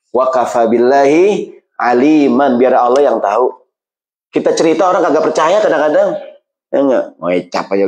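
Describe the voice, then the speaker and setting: A man gives a casual, humorous sermon. He keeps asking the listeners whether they agree, acts out everyday quarrels in different voices, and slows down for Quranic Arabic phrases. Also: a little high, darkish tone. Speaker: preacher.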